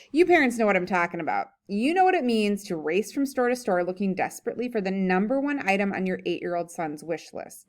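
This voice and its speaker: Speaking at medium pitch, a woman teacher reads a funny story aloud, laughing along the way and pausing for chatty comments as she thinks aloud.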